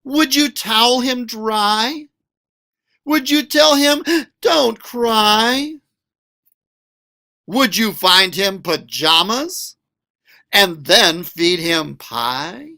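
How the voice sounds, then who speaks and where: This school librarian reads a picture book to children in a high-pitched voice, drawing out words and pausing often. He is expressive and full of questions, elongating words for his young audience.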